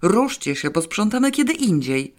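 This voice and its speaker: A woman's voice: medium pitch, very animated, normal speed, pitched above the performer's own voice, lightly acted. A woman voicing Alicja, a brusque, impatient woman in an audiobook, giving curt, dry commands.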